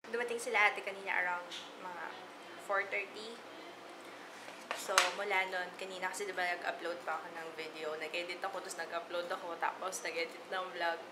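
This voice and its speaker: A woman's voice: lowish voice, flat delivery, fairly quick. A woman vlogging casually at home, mixing Filipino and English and saying she has barely slept. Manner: chatty, switching between Filipino and English. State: short on sleep. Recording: loud background noise.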